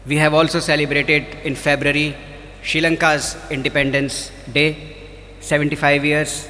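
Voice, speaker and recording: Indian accent man, slightly high voice, measured diplomat speech in an echoey hall. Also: level tone, pushed and bright. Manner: measured, phrase-by-phrase delivery. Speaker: diplomat representing India at a ceremony. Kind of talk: formal ceremonial speech. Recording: reverberant hall, faint background noise.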